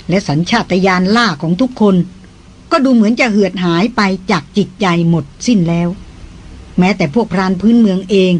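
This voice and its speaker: An audiobook narrator giving a steady, measured scripted reading of a novel. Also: medium pitch, low-quality recording.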